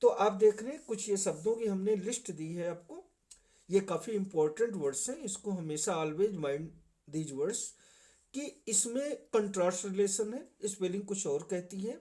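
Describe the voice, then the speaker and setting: A man's voice: high voice, moderate pace, dark tone. A man with a Hindi accent explaining English grammar in a classroom lecture style, repeating key points. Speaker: English teacher.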